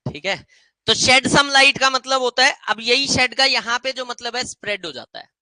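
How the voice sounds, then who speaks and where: A man teaching English grammar in a lively classroom lecture, repeating words as drills and slowing right down on English phrases. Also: extremely high pitch, no echo, poor audio.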